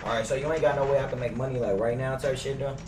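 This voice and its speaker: This young American streamer races through his words in a medium-pitched, steady voice while playing a crime roleplay game. His talk is casual and full of slang. He's in a room at home using a gaming headset, and the recording comes across noisy, echoey, and slightly far off, with game cars and ambience underneath.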